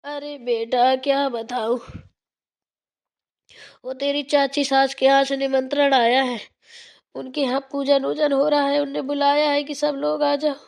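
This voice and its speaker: A woman's voice: high voice, flat delivery, measured pace, gravelly, darkish tone. A woman voicing an older village mother-in-law who coaxes her daughters-in-law in a motherly way in a cartoon. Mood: coaxing. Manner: coaxing, motherly pleading. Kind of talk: cartoon voice acting.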